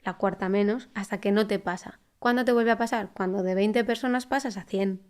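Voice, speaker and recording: A woman speech therapist speaking as a podcast guest in a relaxed, reflective way, often restarting phrases and adding tag questions. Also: medium pitch, a little fast, clear, resonant tone. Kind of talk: conversational interview. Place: podcast recording.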